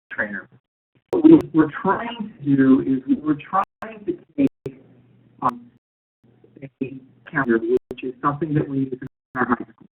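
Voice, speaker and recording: A man presenting as a teacher and trainer on a webinar, talking haltingly with many fillers over a garbled dial-in line that keeps breaking up. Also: medium pitch, breathy edge. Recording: tinny, garbled conference-call phone line.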